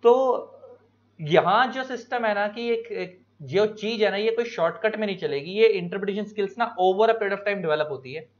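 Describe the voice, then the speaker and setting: An Indian man lecturing students, explaining each point slowly with examples and stretching key words. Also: high-pitched. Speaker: teacher. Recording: dull lo-fi recording.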